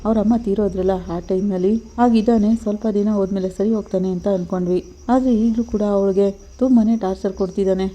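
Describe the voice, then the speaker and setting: A woman's voice: mid-range voice, steady tone, fairly quick, warm tone, dull audio, lightly acted. A woman voicing an anxious caring wife. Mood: worried. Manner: anxious, pleading.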